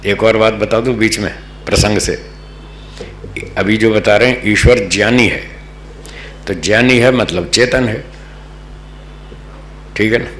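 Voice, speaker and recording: A man from North India teaching a patient, slow scripture lesson to a live group, often checking that they follow. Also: lowish voice, a bit bright. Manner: patient, checks understanding with the audience. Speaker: religious teacher. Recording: echoey room, faint hum.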